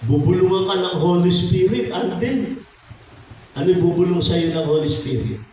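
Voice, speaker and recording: A man's voice: high voice, expressive, moderate pace, warm tone, heavy reverb, far from the mic, slight background noise, poor audio. A man teaching a congregation in a casual sermon, asking listeners questions and calling on them by name, with frequent tag questions. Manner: conversational, calls on listeners by name, frequent "no?" and "di ba?" tags.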